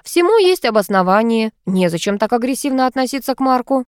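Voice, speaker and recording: A measured, formal male king speaks to settle the room, as a woman narrating an audiobook puts him on. His delivery stays level and placating. The recording is close and dry. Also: fairly high pitch, big pitch swings, smooth, dry recording, voice pushed up. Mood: composed. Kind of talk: audiobook character voice.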